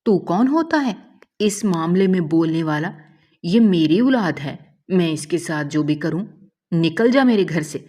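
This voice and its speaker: A woman voicing a cruel, angry village father who shouts harshly and scornfully in a storybook tale. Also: fairly low pitch, lively intonation. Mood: threatening.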